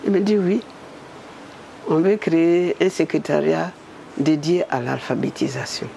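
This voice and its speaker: A cheerful, persuasive prime minister, coaxing and insistent, as an older woman acts him out in her story. The voice climbs higher than her usual and keeps a gravelly edge. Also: steady tone, a little slow, dark tone, slight background noise.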